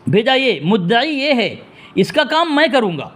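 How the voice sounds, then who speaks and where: A man with a strikingly high voice hosts a heated phone debate. He hammers at his opponent with the same demands over and over, in a scolding tone. Between rounds he turns to address his listeners directly. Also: sing-song, a bit bright. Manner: insistent, scolding, repeats demands; turns aside to address the audience. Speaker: debate host on a phone call.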